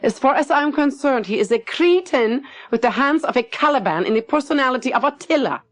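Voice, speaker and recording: Narrating an audiobook story, a woman pushes her voice up high to play a sharp, severely logical woman doctor of fifty-eight. The delivery is expressive and brisk, and the doctor comes across as indignant, snappish, emphatic and cutting.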